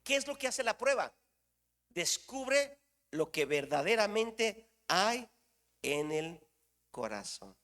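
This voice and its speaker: A middle-aged man preaching a sermon in a high, bright voice. He is animated, bursts into shouted exclamations and keeps turning questions back on the congregation. His tone is forceful and lively. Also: takes it slowly, pauses often, in a large hall. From Mexico.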